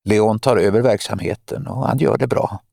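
Audiobook villainess, cold, mocking spymaster woman, read by a man, gravelly, close and dry. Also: lowish voice, dark tone, dry recording. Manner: mocking, lecturing, menacing. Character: cold scheming woman spymaster, middle-aged.

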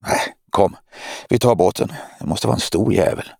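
A man voicing a gruff young father who scolds and shouts in an audiobook. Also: on the low side, no room sound, studio quality.

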